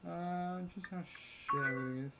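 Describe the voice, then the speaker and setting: A let's play host with a slightly high voice at normal speed casually commentates a chat game, reading messages aloud, muttering asides, and swearing freely. Loud keyboard typing and clicks sit behind him amid heavy background noise.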